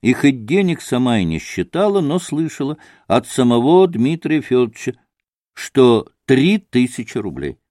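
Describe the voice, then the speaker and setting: Expressive male audiobook narrator. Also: medium pitch, normal speed, no echo, clean studio sound. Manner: expressive, varied reading. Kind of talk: scripted narration of classic fiction.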